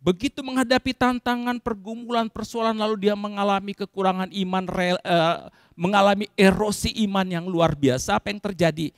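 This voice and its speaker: A man preaching a sermon to his congregation, addressing them directly and swinging between loud outbursts and quiet asides. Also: high voice, steady tone, fairly quick, no room sound, clean studio sound. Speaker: pastor. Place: church service.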